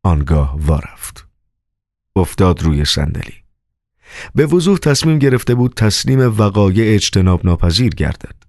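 Low-voiced man reading an audiobook. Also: no echo, clean studio sound. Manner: expressive reading. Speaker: audiobook narrator. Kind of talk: scripted narration.

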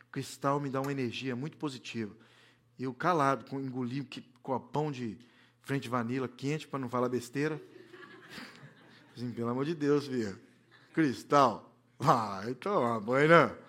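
A man's voice: fairly high pitch, fairly bright tone. A man from preaching a humorous sermon, telling stories and acting out the dialogue. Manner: storytelling, acts out dialogue, jokes. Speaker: pastor.

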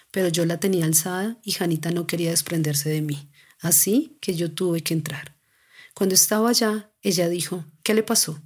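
A woman's voice: fairly low pitch, darkish tone, husky. A woman recounting a family story as a mother, earnest and confiding, speaking straight to the listener. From Colombia.

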